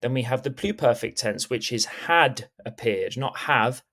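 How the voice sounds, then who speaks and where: A man's voice: medium pitch, lively intonation, measured pace, fairly bright tone. Methodical man teaching a grammar lesson. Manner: clear, methodical, checks in with "okay?". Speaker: Spanish teacher. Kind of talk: screen-recorded grammar lesson.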